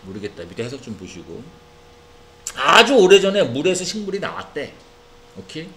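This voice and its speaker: At normal speed and a fairly high pitch, a man reads English words with a Korean accent during a reading lesson in an academy classroom. He's lively and keeps checking in with his students using tag questions.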